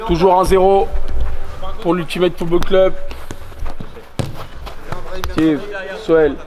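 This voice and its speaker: High-pitched man giving excited sports commentary. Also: takes it slowly. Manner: calls players' names in short bursts, exclaims. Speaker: match commentator. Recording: loud crowd and bouncing ball behind. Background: crowd noise, ball bounces.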